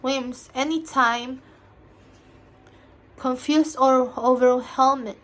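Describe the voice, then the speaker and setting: A young woman student reading an interview transcript aloud for a class task, halting and restarting often. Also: high voice, fairly even intonation, a bit bright.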